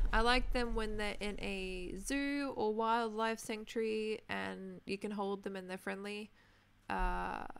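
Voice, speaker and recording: A chatty Australian Minecraft streamer in her twenties talks casually with viewers as she plays, wandering from topic to topic and answering their comments. Her mid-range voice turns gravelly with fry at the ends of phrases but otherwise stays smooth and clear.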